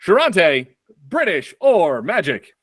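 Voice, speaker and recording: A man hosting a comedy trivia show in a dry, deadpan way. He speaks slowly, with a lively, rising and falling pitch. The sound is dry and close. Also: husky, dry recording. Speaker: game show host.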